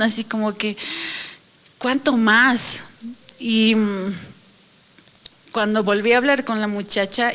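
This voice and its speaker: Young woman telling a church testimony. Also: mid-range voice. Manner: lively storytelling with laughs and acted-out quotes. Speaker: church speaker and mentor. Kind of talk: personal testimony to a congregation.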